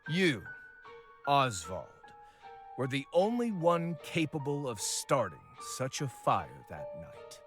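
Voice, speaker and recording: An actor voicing a formal, accusing court magistrate in a video game, with declamatory delivery. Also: male voice, medium pitch, wildly swooping pitch, slow, a bit bright, faint music behind, full character voice.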